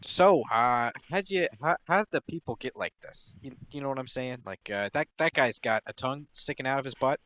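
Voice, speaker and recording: A man improvising in-character questions as a tabletop game player, halting and puzzled. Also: medium pitch, a bit bright.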